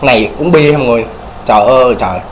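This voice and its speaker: A man's voice: medium pitch, rapid-fire, slight background noise, poor audio. A man with a southern Vietnamese accent chatting casually to viewers on an eating show, chewing as he talks, exclaiming and repeating himself. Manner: chewing and eating while talking. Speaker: mukbang vlogger.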